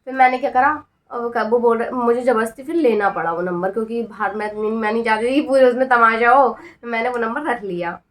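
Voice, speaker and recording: A young woman in her twenties telling a personal story in a casual, animated way, laughing often and acting out what people said. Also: a little high, fairly quick, few pauses. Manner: animated, laughing often, acts out quoted lines. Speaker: vlogger.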